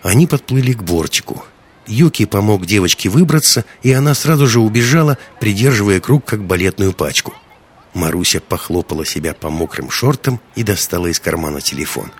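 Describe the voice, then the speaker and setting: A man narrating an audiobook in a calm, even storytelling manner. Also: lowish voice, a little fast, breathy edge. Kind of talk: scripted narration.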